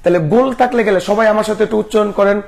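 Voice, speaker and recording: A man's voice: high-pitched, fast, creaky. A young man teaching a live online class, asking the same questions again and again. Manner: repetitive questioning.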